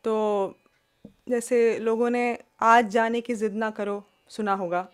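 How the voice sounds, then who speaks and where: A woman's voice: a little high, little pitch movement, slow, clean tone. A woman teaching music in a webinar, explaining in Hindi and English and singing demonstration syllables and song lines. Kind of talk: webinar lesson with sung examples. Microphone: video call.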